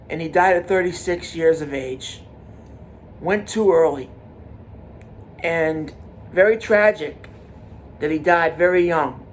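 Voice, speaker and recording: A man of forty hosting his own podcast, talking in a halting, repetitive way with many restarts and fillers. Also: high voice, a little hiss or hum. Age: 40s. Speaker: podcast host. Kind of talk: casual monologue.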